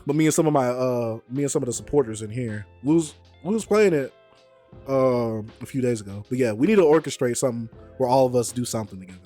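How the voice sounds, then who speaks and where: A man hosting a live stream, chatting casually, animated and argumentative, often repeating himself. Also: medium pitch, quick pace, faint music behind. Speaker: streamer host.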